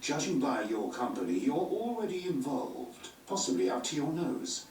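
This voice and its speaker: An actor plays a brusque, crude middle-aged king issuing commands in a game cutscene, his mid-range voice swinging widely in pitch at a moderate pace. The tone is a little mellow, with slight hiss or hum, and the echoey, distant game audio carries music. He comes across as coarse and domineering.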